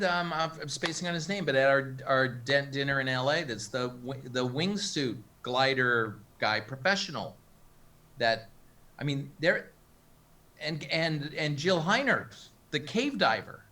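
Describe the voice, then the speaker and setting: A man in casual video call conversation, talking in halting restarts and joking about himself. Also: fairly high pitch, bright, forceful tone. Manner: halting, self-interrupting, joking.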